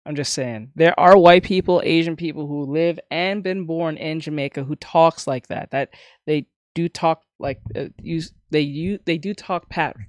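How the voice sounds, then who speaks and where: A man's voice: a little high, fairly even intonation, moderate pace, no echo, clean studio sound. A man streaming casually as he reacts to a video, laughing often, swearing and talking over it.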